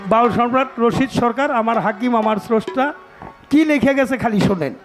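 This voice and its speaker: A man's voice: extremely high pitch, brisk, music in the background. A man leading a folk song debate, preaching in a rhythmic sermon-like way and breaking into song. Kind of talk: Bengali pala gaan debate, preaching and singing.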